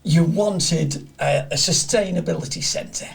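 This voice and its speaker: A man's voice: fairly high pitch, unhurried, gravelly. A middle-aged man with a Liverpool accent, chatting as an interview guest in a studio and telling stories, often repeating words as he starts. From Liverpool area, England. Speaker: guest, community garden director. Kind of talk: casual interview chat.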